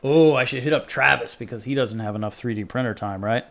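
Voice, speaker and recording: Gravelly man rambling through a live build. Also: mid-range voice, quick pace, a bit bright. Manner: rambling, jokey, talks to chat while tinkering. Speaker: live stream host. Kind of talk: casual live-stream build chat.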